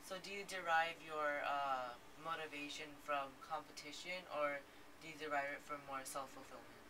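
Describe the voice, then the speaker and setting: A man asking interview questions in a halting way with fillers. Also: on the high side, steady tone. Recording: distant mic with noticeable noise.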